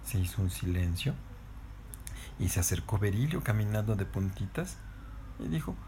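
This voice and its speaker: A woman narrating a bedtime story to her child in a playful, animated way. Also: rumbling low, normal speed, noisy background. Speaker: mother telling a bedtime story.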